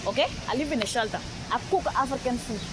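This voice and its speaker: Fast and on the high side, a Malian woman rambles through a personal story during a street interview on a busy city street. She keeps repeating herself, insistent, with frequent "all right?" checks, in a noisy outdoor recording backed by traffic and street noise.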